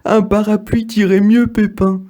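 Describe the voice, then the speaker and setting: A man voicing a playful, giggly little green apple girl in a storybook reading, excited and mocking. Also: sits high, unhurried, voice pushed up.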